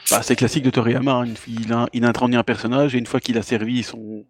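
A man's voice: medium pitch, flat delivery, fast, no room sound. Matter-of-fact man, dry close sound. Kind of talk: casual chat.

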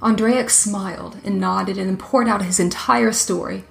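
A woman's voice: medium pitch, steady tone, moderate pace, gravelly, reverberant, soft background music. Woman reading a folk tale aloud. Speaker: storyteller. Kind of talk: storybook narration.

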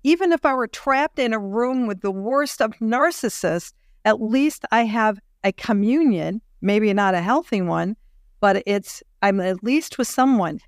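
Woman hosting a podcast, mid-pitched voice, thoughtful, drags out the big words, totally dry sound. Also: no echo. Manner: reflective, slows down on key phrases. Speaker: podcast host. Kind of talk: interview conversation.

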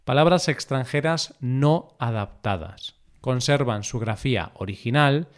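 A man narrating a scripted spelling lesson, repeating example words with deliberate, careful syllable stress. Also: mid-range voice, lively intonation. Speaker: language teacher.

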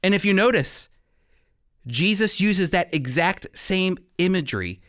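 As a radio program teacher, a man delivers expository Bible teaching, speaking emphatically, addressing listeners directly, and pausing for emphasis. His voice is high, expressive, and fairly bright.

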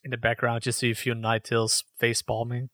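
A man with a middling pitch co-narrates a tabletop game. His delivery is casual, and the sound is dry. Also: completely flat delivery, fairly quick, pushed and bright, no echo.

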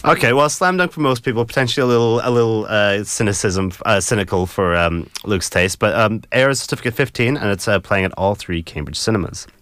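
Low, dry-sounding male film show host. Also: a little fast, few pauses, fairly bright tone, clear, resonant tone, no echo. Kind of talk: chatty radio-style presenting.

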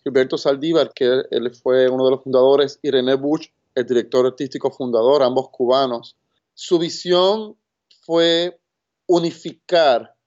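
A man working as a theater's communications director, speaking earnestly and deliberately in an interview. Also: mid-range voice, darkish tone. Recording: dull lo-fi sound.

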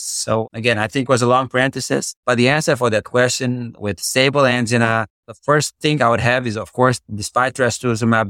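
A man's voice: medium pitch, a bit bright, no room sound, studio quality. A middle-aged man with a Romanian accent, a guest doctor explaining his field with passion and rhetorical questions in a podcast interview. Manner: passionate, uses boxing analogies, rhetorical questions. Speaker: guest cardiologist.

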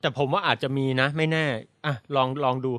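A man's voice: medium pitch, steady tone, a bit bright, smooth, no echo. A man co-hosting a casual podcast chat, reacting and cracking jokes. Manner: jokey, quick reactions and teasing. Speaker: podcast co-host.

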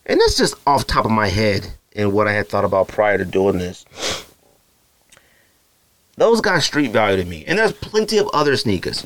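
On his casual solo podcast, an Arizona host rambles in slang and often copies how other people talk. He speaks with a medium-pitched, slightly bright voice.

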